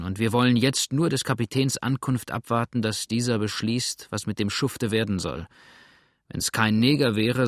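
A man's voice: fairly low pitch, no echo, clean studio sound, lightly acted. A man reading aloud as a grumbling, blunt old male boatswain in a storybook.

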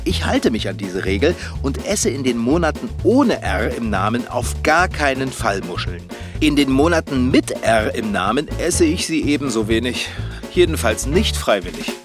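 A man reading a scripted children's narration with a dry, deadpan touch. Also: medium pitch, moderate pace. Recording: music bed under the voice.

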